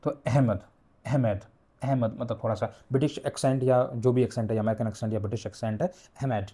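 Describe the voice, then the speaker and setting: A young man teaching an exam revision lesson, explaining slowly and repeating key words as he spells out book titles and memory tricks. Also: mid-range voice, steady tone, dark tone.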